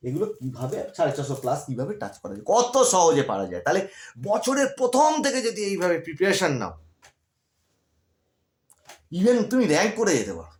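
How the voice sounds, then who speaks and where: A man's voice: on the high side, echoey room. A man who tutors school students online, giving encouraging study advice and checking in with "ঠিক আছে?" as he repeats his points.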